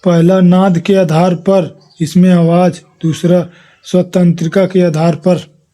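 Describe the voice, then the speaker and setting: A man's voice: high-pitched, flat delivery, slow, mellow. A man giving an exam revision lesson, reading his notes aloud and listing letters one by one. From India. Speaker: teacher.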